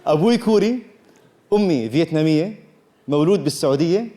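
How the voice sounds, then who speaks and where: High-voiced Levantine comedian on stage. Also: male voice, quick pace. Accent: Levantine Arabic. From Jordan. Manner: playful, deadpan teasing of the audience. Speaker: stand-up comedian guest. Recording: stage mic with loud audience and noise.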